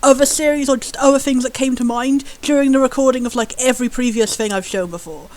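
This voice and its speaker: A high voice of uncertain gender, with a darkish tone, hosts a video series in loose, casual commentary. The host rambles, halting, doubling back, chuckling, and drifting into tangents.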